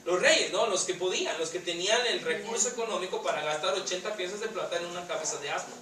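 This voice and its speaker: A man's voice: high voice, fast talker, distant mic, background noise. A man preaching a sermon in a church, emphatic, sometimes dropping to a near whisper on key words. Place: church hall. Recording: echoey church room from off-mic.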